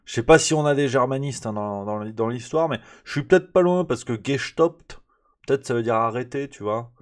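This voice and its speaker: Speaking at a medium pitch and moderate pace, a man runs a live press review on his stream. He addresses his chat directly, rambling with plenty of sarcasm and hesitation.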